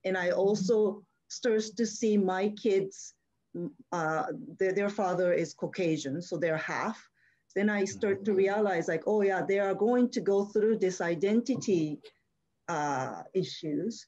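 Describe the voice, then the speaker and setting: A mother from Japan with a Japanese accent, speaking hesitantly on a video call with many pauses. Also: medium pitch, a little mellow. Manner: hesitant, many uhs, careful phrasing. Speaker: audience member, mother. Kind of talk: casual comment on a video call. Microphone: video call webcam. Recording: dull lo-fi call audio.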